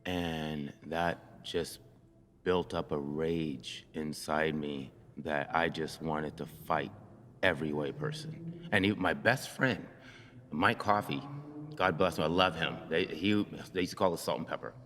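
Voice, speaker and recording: Older man in his sixties, extremely low voice, slow reflective storytelling, reverberant room. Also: fairly bright tone. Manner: slow, reflective, many pauses and fillers. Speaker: church member sharing his story. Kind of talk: personal storytelling in a conversation.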